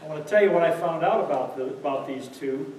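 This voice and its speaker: A man's voice: on the high side, fast talker, a little mellow, slight background noise. A man emceeing a party, telling a comic roast story with a dry setup building to punchlines, recorded from far off in a large room. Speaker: master of ceremonies. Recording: echoey hall from far off.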